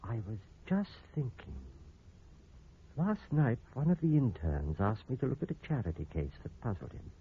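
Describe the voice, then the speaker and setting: A man's voice: medium pitch, wildly swooping pitch, moderate pace, breathy edge, narrow, tinny audio, full character voice. An actor playing a cold, scheming male surgeon in a 1940s radio drama, heard over an old AM radio broadcast.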